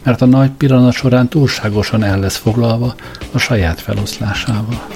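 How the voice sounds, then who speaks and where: A man narrating an audiobook in a dry, measured storytelling manner. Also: medium pitch, fairly even intonation, over music.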